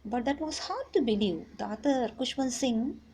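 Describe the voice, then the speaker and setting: A woman's voice: a little high, expressive, moderate pace, mellow. A woman from Chennai with a South Indian accent, teaching an English lesson in an instructive, explanatory way. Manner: instructive, checks in with short tag questions. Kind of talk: explanatory lesson, reading a text aloud and paraphrasing it. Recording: noticeable background noise.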